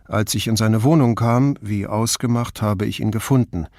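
Reader's own-voiced quiet, probing cop: low, gravelly, unhurried. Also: male voice, dry recording, clean studio sound, close to an everyday voice. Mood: calm. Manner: calm, casual questioning. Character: calm, probing male police detective, Brunetti.

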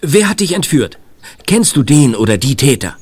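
An actor voicing a calm, steady police inspector in a radio play, hesitating often. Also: male voice, medium pitch, moderate pace, breathy edge.

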